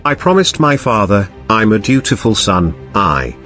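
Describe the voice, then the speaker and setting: A man's voice: fairly low pitch, sing-song, moderate pace, pushed and bright, faint music behind. A man voicing a surly, pleading male peasant coachman in archaic, whining speech.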